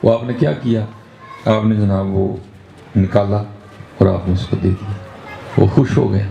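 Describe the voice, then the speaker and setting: Mellow-voiced preacher with a Punjabi-inflected accent. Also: male voice, lowish voice, fairly even intonation, vocal fry, slight background noise. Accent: Punjabi-inflected Urdu. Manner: rhetorical, keeps checking in with the audience with a questioning "hain?"; switches into Punjabi for emphatic exhortation. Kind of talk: sermon to a gathering. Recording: echoey, slightly dull hall recording.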